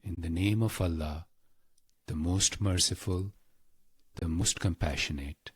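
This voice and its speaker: A man with a husky, breathy voice guides a scripted meditation in short, deliberate phrases, solemn and devotional. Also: deep voice, no room sound. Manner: slow, deliberate, pausing between short phrases.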